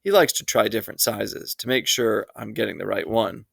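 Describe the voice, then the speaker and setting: A man's voice: on the low side, moderate pace, creaky, fairly bright tone, dry recording, studio quality. A man reading a children's book aloud in a first-person storytelling voice. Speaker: reader.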